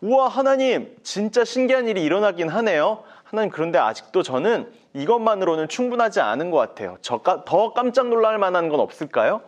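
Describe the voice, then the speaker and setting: A man's voice: high voice, big pitch swings, brisk, hardly any pauses, pitched above the performer's own voice. A man voicing the prophet Moses as an anxious, whiny adult man in a children's Bible story. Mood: amazed. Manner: whiny, fretful pleading.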